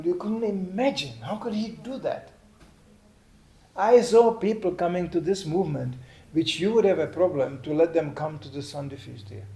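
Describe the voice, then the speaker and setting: An older man preaching in a lively storytelling manner, often adding "you know". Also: fairly high pitch. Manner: lively anecdotal telling with "you know" asides. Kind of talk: storytelling sermon. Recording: echoey room, faint background noise.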